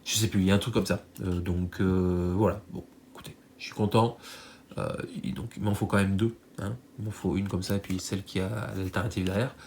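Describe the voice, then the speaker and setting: A man's voice: deep voice, steady tone, a little fast, darkish tone, slight background noise. A man with a stuffy nose from a cold, chatting casually to viewers as he shows off cards he bought, rambling with many fillers and restarts. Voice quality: nasal. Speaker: card collector YouTuber. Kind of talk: casual unboxing chat to viewers.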